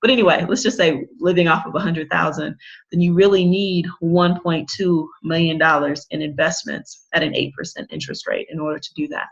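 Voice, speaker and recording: A woman's voice: sits low, creaky, highs cut off. A woman in her thirties hosting an online business orientation meeting, talking in an upbeat, promotional way. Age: 30s. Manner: upbeat, promotional, spells out contact details slowly. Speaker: business boot camp host.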